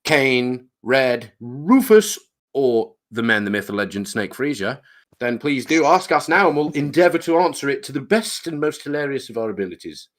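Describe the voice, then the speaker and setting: A man's voice: mid-range voice, big pitch swings, moderate pace. A man co-hosting a livestream podcast, chatting in a jokey, theatrical way. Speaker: podcast co-host. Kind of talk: casual livestream chat.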